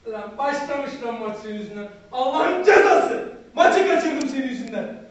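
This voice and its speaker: A woman playing a cursing, bullying husband in an amateur stage skit, shouting insults. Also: high voice, lively intonation, normal speed. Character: bullying, cursing grown husband, football fan. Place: hall. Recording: echoey hall, far from mic, dull.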